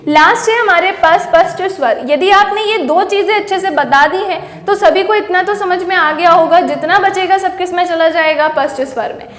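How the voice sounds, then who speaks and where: A woman teacher with a very high voice gives a classroom-style lesson. She keeps putting questions to her listeners and then answers them herself. Her voice rings around a roomy space with a long reverb. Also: moderate pace, few pauses, a bit bright. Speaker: Hindi teacher. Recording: echoey room with long reverb.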